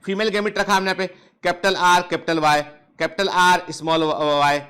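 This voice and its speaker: A male biology teacher with a high, bright voice leads an online class. He keeps firing questions at his students, repeats each answer, and mixes in joking threats to keep them working. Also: little pitch movement, normal speed, clean tone. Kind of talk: online lecture. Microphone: touchscreen device close up.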